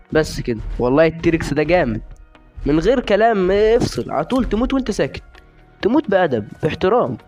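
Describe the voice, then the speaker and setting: Fast-talking Egyptian gamer man, high voice. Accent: Egyptian Arabic. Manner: joking, exasperated banter at opponents. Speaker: gaming YouTuber. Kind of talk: live gameplay commentary.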